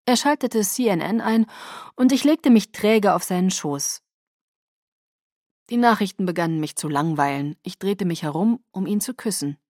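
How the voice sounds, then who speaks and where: A woman narrating an audiobook in the first person with a calm, measured reading. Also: mid-range voice, no room sound, studio quality.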